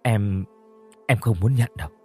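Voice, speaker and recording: A man voicing a young husband who hides a secret, speaking low and subdued to others and gleefully at home, in an audio storybook. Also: unhurried, darkish tone, breathy edge, faint music behind.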